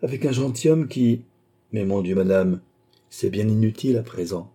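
A man's voice: lowish voice, moderate pace, dark tone, slightly rough. A man reading an audiobook, voicing a suave male police chief who speaks with polite, smug deference.

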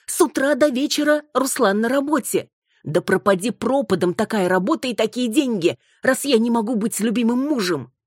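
A woman voicing a jealous, hysterical young wife who scolds her husband, shrill and close to tears. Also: animated, a little fast, a little mellow, husky, dry recording. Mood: complaining. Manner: shrill, accusing, near tears.

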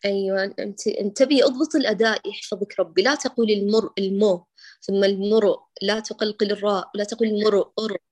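A woman's voice: mid-range voice, fairly even intonation. Patient woman teaching recitation. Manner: patient, affectionate, demonstrates sounds slowly. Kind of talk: correcting recitation in an online lesson.

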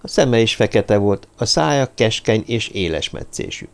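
Gravelly, low-voiced male audiobook narrator. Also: big pitch swings. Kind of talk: scripted narration.

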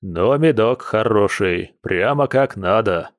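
A man's voice: on the low side, animated, takes it slowly, dry recording, clean studio sound. Man doing a sly old bear general. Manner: weighty, self-justifying.

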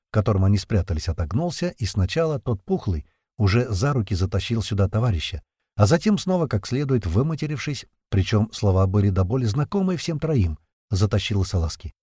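A man narrating an audiobook in a steady, tense, vivid storytelling manner. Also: on the low side, husky, dry recording, clean studio sound.

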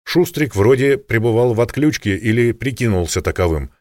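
A man narrating an audiobook in a steady, matter-of-fact way. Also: mid-range voice, moderate pace, no room sound, clean studio sound. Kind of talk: scripted narration.

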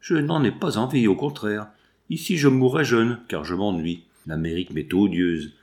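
A man's voice: lowish voice, moderate pace, darkish tone, lightly acted. A man reading aloud and voicing a willful, impetuous eighteen-year-old girl who pleads insistently.

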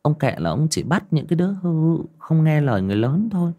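A man voicing an anxious young mother who soothes her frightened children in a softly coaxing way. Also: a little high, very animated, quick pace, voice pushed up. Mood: soothing. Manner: soft, coaxing, fussing.

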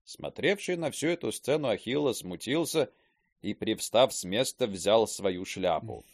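A man's voice: fairly low pitch, lively intonation, measured pace, dry recording, clean studio sound. A man narrating a classic novel as an audiobook, telling the story expressively.

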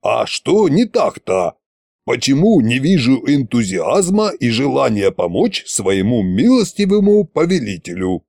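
Koschei, a self-satisfied old tsar-sorcerer, drawls and grumbles in a slow, dark voice, as a male narrator puts him on. He talks in folksy, scheming asides, and the sound is close and dry. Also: mid-range voice, big pitch swings, creaky, no room sound, exaggerated voice.

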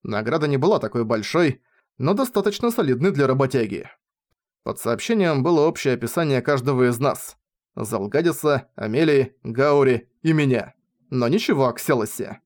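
A man narrating a novel in the first person with an expressive, lively reading. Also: mid-range voice, normal speed. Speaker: audiobook reader.

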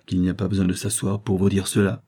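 A man voicing a guarded, patronizing middle-aged farmer who speaks slowly, in an audiobook. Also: low-pitched, little pitch movement, mellow, husky. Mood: wary. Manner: patronizing, slow.

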